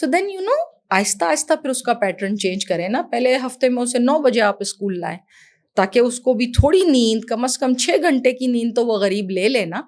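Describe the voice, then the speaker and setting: Animated middle-aged woman educator, higher voice. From Pakistan. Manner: animated, mixes in English phrases, calls the host "son". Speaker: education professional, guest. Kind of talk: casual interview conversation.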